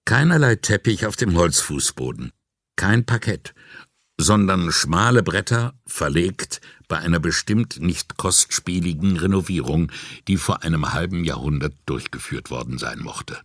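A man narrating an audiobook crime story in a measured, calm reading voice. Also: low voice, dry recording, clean studio sound. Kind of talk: scripted narration.

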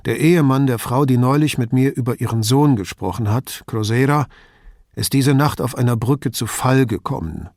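A man reading an audiobook, voicing a firm, dryly ironic male police commissioner giving brisk instructions. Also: mid-range voice, a little mellow, no room sound, clean studio sound, lightly acted.

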